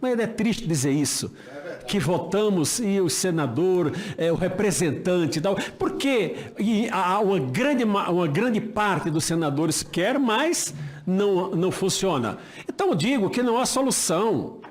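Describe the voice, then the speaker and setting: At a senate hearing, an older Brazilian man who was once a judge gives an emphatic, impassioned political speech, leaning on rhetorical questions and repetition. His voice is high-pitched and animated, a little slow.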